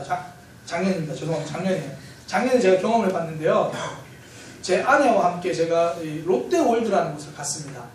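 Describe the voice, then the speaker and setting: A man preaching a Sunday sermon as pastor, telling stories in a lively way with light humor. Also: high-pitched. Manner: lively storytelling with self-corrections and light humor. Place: church sanctuary. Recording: very echoey church hall, mic far off, faint hiss.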